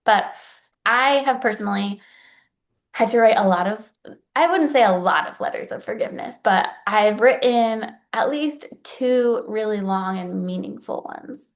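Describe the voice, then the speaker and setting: A woman's voice: mid-range voice, a little slow. A young adult woman talking earnestly and openly about forgiveness, sometimes getting emotional as she shares her own experience. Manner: earnest, open, gets emotional at times. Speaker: guest speaker on forgiveness. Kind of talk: personal talk.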